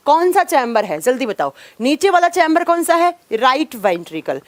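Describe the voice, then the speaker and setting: Brisk woman biology teacher. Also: high voice, very animated, no echo. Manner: scolding, impatient with student comments; explains with gestures and repeats key terms. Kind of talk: live online class lecture.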